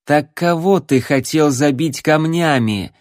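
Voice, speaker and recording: A man voicing a calm female vampire princess who speaks softly and slowly, savoring her menace. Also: on the high side, no room sound, studio quality, pitched above the performer's own voice, natural voice. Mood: mysterious. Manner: slow, soft and mysterious.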